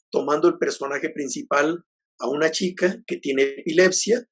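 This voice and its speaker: A Mexican man in his fifties, a poet and novelist, talking reflectively in an interview with many pauses, fillers and restarts. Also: fairly high pitch, husky. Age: 50s.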